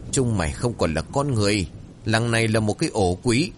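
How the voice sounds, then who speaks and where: A man's voice: on the low side, animated, fairly quick, a little hiss or hum, close to an everyday voice. A man voicing a desperate village father who snarls threats to protect his child. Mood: furious.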